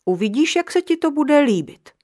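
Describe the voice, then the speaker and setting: A woman voicing a boastful, stubborn little male dwarf in a storybook reading, loud and quick to take offense. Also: high voice, big pitch swings, pitched above the performer's own voice. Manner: loud, indignant, bragging.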